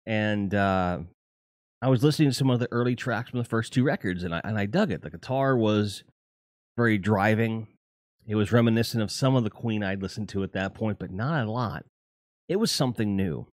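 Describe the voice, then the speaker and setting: A man's voice: lowish voice, fairly quick, dry recording, clean studio sound. A middle-aged man hosting his own livestream in a casual chat. He talks to viewers in a profane, rambling way and corrects himself often. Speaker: livestream host.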